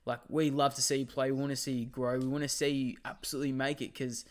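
A man's voice: mid-range voice, flat delivery, quick pace. An Australian man co-hosting a casual sports podcast, talking in a matey, teasing way. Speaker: podcast co-host.

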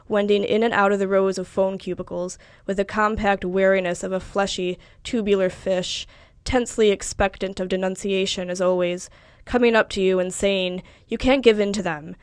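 A woman reading literary fiction aloud in a measured, even narration. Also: mid-range voice, clean tone, no echo, studio quality. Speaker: reader.

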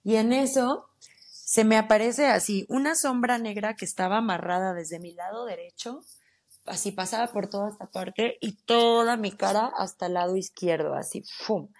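A woman with a Mexican accent, a podcast guest telling a personal story in a casual, animated and slangy way. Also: medium pitch, normal speed. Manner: animated, slangy, acts out her own quotes.

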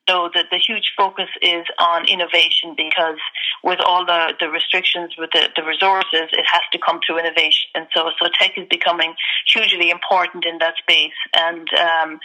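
A woman in her fifties talks through her answers at a measured pace, pausing often to gather her thoughts. Her voice sits on the low side for a woman, with a bright, forceful edge. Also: poor audio. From Ireland. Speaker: guest executive. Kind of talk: conversational interview answers.

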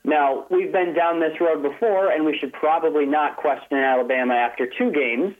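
A man's voice: on the high side, normal speed. A man on a tinny phone line. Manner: chatty, restarts phrases, light laughs. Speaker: sports writer guest. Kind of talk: casual call-in analysis. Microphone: telephone.

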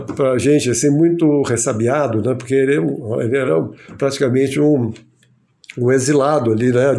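Halting older Brazilian man recalling a story. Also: mid-range voice, dark tone. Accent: Brazilian Portuguese. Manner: halting, many restarts and fillers. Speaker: writer telling a memory. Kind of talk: casual storytelling.

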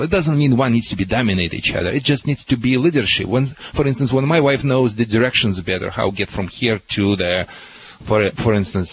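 A man from Russia with a Russian accent, chatting on the radio in broken English with blunt, folksy pronouncements. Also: medium pitch. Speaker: dog trainer guest. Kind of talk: casual radio chat. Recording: dull, hissy, noisy line.

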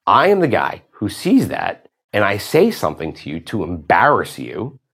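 Male podcast host, husky, lively swings of pitch, ranting and cursing. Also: normal speed. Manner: exasperated, profane, rising to outbursts. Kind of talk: ranting monologue.

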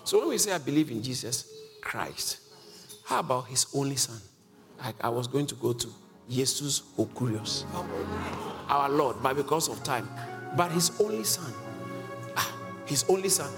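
At medium pitch and a moderate pace, a preacher teaches from scripture with lively intonation and frequent pauses. He speaks emphatically, questions his congregation, and chuckles a lot, while faint music plays in the reverberant hall.

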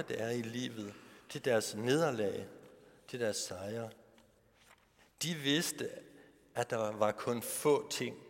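Man, pastor, sermon, rhetorical questions, mid-pitched voice, long church reverb. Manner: asks rhetorical questions of the congregation.

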